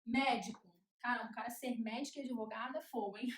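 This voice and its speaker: Woman law teacher, higher register, sing-song list drills, roomy echo. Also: fairly even intonation, fast. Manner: rhythmic chanting of checklists. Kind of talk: classroom lecture at a whiteboard. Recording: echoey room.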